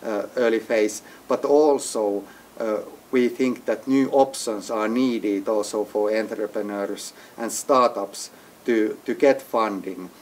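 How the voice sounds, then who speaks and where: A man's voice: on the low side, takes it slowly, slight background noise. A man from Finland being interviewed as an entrepreneur, speaking English as a with hesitant phrasing and frequent restarts. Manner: hesitant, restarts often, non-native phrasing. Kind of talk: business interview. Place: executive briefing center.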